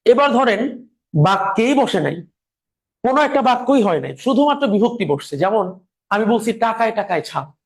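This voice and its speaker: High-voiced man teaching with a sore throat. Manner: slow, patient, repeats examples. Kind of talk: online grammar lecture.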